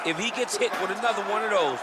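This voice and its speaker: A man's voice: sits high, quick pace, over a noisy crowd. A man giving color commentary on a fight, emphatic and colloquial, explaining technique like a coach. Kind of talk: analytical, excitable sports commentary. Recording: very noisy arena ambience.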